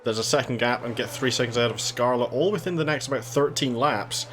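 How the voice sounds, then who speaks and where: Guy doing live motorsport commentary, factual play-by-play, mid pitch, noisy background. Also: quick pace, a bit bright.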